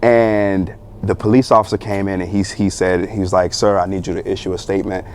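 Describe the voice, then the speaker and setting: Deep-voiced young man telling a story. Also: a little fast, a little hiss or hum. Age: young adult. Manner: animated, laughing retelling with many fillers. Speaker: guest. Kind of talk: casual storytelling interview.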